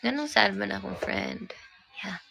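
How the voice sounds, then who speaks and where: A young woman with a Cebuano accent chats slowly on a livestream, her voice bright but with a gravelly fry at the edges. She patiently teaches Bisaya words and keeps repeating and correcting herself, with faint music playing behind her. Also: medium pitch. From Cebu, Philippines. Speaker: livestream host. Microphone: phone or camera mic on a livestream.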